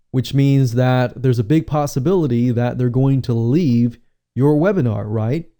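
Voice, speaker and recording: A man with a mellow, smooth, resonant voice gives an instructional talk on running webinars. He speaks conversationally, circling back to his main points and asking the listener rhetorical questions. His pitch sits in an ordinary middle range. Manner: conversational, repeats phrases, uses rhetorical questions. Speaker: webinar coach.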